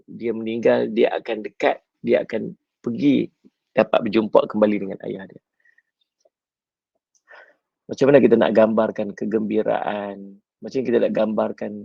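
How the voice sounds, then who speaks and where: A man preaching with a Malaysian Malay accent. His voice is heavily gravelly and husky. The recording is dull and dry, like a lo-fi room capture. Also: mid-range voice, no room sound. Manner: animated storytelling with soft drawn-out pauses. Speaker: religious teacher. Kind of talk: Malay-language sermon storytelling.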